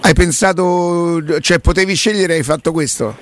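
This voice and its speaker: A man hosting a live sports talk show, chatting in an emphatic, animated way. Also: fairly high pitch, moderate pace, a little hiss or hum. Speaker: radio host.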